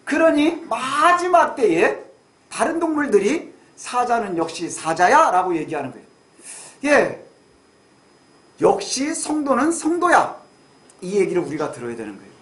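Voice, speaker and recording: A middle-aged man preaching a Sunday sermon as pastor, conversational and full of questions to the congregation, swinging between raised and hushed delivery. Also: high-pitched, very animated, normal speed. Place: church sanctuary. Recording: echoey church room.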